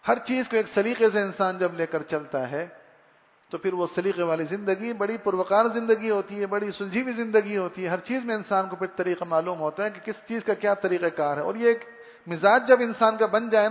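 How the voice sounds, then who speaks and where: A man giving a conversational Islamic sermon on manners, telling stories and imitating everyday sounds as he goes. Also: sits high. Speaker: Islamic preacher. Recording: dull recording in a long-reverb hall.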